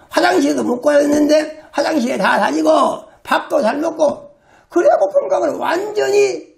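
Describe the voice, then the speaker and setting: Pastor, healing sermon, emphatic, high-pitched, heavy vocal fry. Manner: emphatic, acts out quoted commands with shouting.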